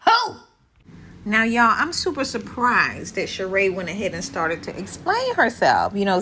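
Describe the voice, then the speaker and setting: A woman talks through a reality TV recap as if she were chatting with friends. She is sassy and loose with profanity, animated, and keeps calling out to her viewers. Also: fairly low pitch, slight background noise. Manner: addresses viewers directly. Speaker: show recap vlogger.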